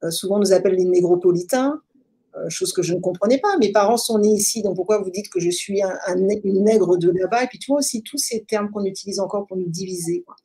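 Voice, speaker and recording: A woman with a French accent, talking as an interview guest and telling her story reflectively, with many pauses and fillers. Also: mid-range voice, warm tone, breathy edge. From France. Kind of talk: casual conversational storytelling.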